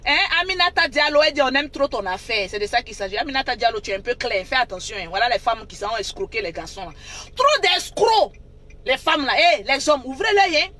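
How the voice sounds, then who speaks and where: A woman's voice: on the high side, animated, fast talker, few pauses, bright, forceful tone. A woman hosting an unscripted live stream on her phone, scolding and mocking her viewers and repeating herself for emphasis.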